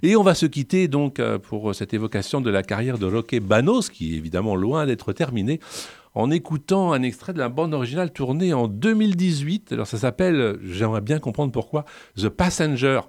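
A man's voice: mid-range voice, very animated, brisk, darkish tone, dry recording. A man hosting a radio show about film music, talking casually with ironic, joking asides. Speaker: radio host presenting film scores.

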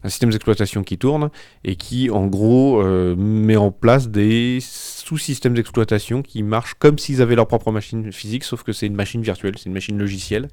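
A man's voice: lowish voice, normal speed, warm tone, dry recording, clean studio sound. A man co-hosting a podcast, reading out and discussing tech news in a casual, hesitant way with many fillers and restarts. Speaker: podcast co-host reading a tech press review.

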